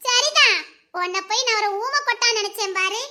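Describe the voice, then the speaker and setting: A woman as a sharp-tongued Tirunelveli village girl. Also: extremely high pitch, brisk, exaggerated voice. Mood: bickering. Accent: Tirunelveli Tamil. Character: proud young village woman. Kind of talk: amateur drama skit.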